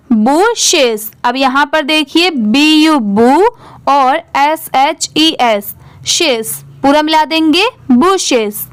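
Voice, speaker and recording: A woman's voice: high-pitched, no echo. A woman teaching English reading, who spells each word out letter by letter, asks the class how it is read and then answers herself. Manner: spells words letter by letter, then blends them. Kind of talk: slow spelling-out reading lesson.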